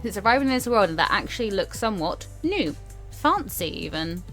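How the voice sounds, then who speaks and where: Over background music, a female gaming host reads on-screen text in a casual let's-play, adding offhand remarks and stumbling on the written lines. She sounds very animated and a bit bright, with a medium pitch and moderate speed.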